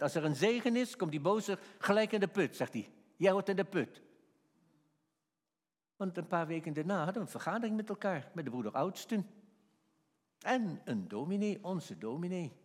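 Male preacher, slightly high, very expressive delivery, sermon storytelling; long hall echo. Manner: animated, rising to emphatic peaks.

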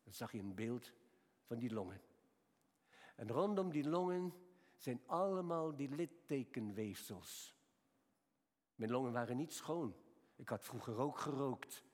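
A man in his seventies preaching a sermon, telling personal stories and moving between quiet, slow passages and raised, emphatic appeals. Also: medium pitch, expressive. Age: 70s. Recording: long hall reverb.

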